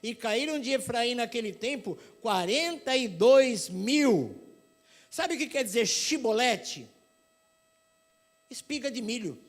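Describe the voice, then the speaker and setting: A middle-aged man with a São Paulo accent preaching a sermon, telling lively stories and acting out other people's voices. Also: very high voice, slow. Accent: paulista. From São Paulo, Brazil. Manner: animated storytelling, acts out voices.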